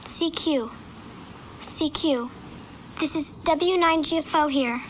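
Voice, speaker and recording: A woman's voice: sits high, slow pace, background noise. A woman playing a lone radio operator, calling out over a fading shortwave radio transmission, repeating her call and waiting for a reply. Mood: hopeful.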